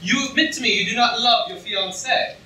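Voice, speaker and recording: A man's voice: extremely high pitch, a little fast, pushed and bright, exaggerated voice. A young man playing a mocking, menacing pirate captain with sardonic, theatrical delivery in a staged reading. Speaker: actor in a student staged reading. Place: lecture hall stage, indoors. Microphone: far camera in audience. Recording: echoey hall, distant audience-camera mic, noisy.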